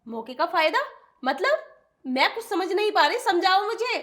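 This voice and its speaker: A bewildered wife and lady of the house asks question after question in disbelief in a short film drama, as a woman plays her. Her voice sits very high. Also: big pitch swings, normal speed, a bit bright, full character voice.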